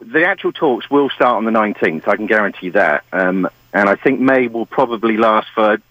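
A British man calls into a talk show over a crackly phone line that fades in and out, the sound muffled and dry. His lowish voice is expressive at a moderate pace, and he speaks hesitantly, restarting often and repeating "like I say."

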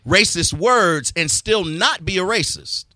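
A man's voice: sits high, lively intonation, measured pace, pushed and bright, no echo. A male talk radio host pressing a caller with pointed questions, cutting in to steer the debate.

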